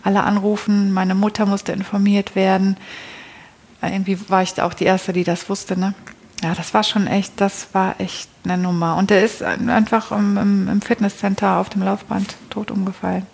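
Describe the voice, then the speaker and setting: A woman speaks as an interview guest, recounting her life in a loose, conversational way. Her pitch sits in the middle range. She often breaks off and restarts her sentences, and she keeps checking in with small tag questions. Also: level tone, moderate pace, vocal fry, a little mellow, slightly rough. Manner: chatty, frequent tag questions and self-restarts. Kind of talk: casual personal storytelling.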